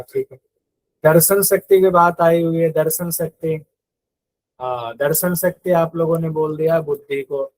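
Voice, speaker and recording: A man's voice: fairly high pitch, dry recording, rough recording. A man teaching a live online yoga exam-prep class in speech, explaining step by step, repeating key terms and quizzing his students.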